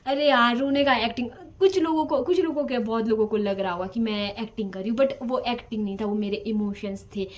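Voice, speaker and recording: A young woman vlogs a personal story in a casual, rambling way, repeating words and drifting between soft and loud. Her voice is a little high, and she talks fairly quickly with few pauses.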